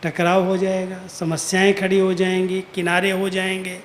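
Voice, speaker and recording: A man's voice: high voice, monotone, moderate pace. A man giving an earnest, admonishing spiritual discourse, quoting imagined listeners to make his points. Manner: earnest, admonishing, with rhetorical quotes. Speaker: spiritual teacher. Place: large hall at a retreat. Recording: echoey hall with faint noise.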